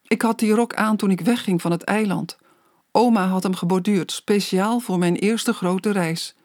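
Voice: medium pitch, normal speed, a little mellow, dry recording, clean studio sound, natural voice. A storyteller voicing a playful, somewhat vain mother in an audiobook, teasing and theatrical. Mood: wistful.

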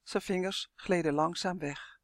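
Storybook narrator, woman, lively expressive read; dry close recording. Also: lowish voice, a little slow, no room sound.

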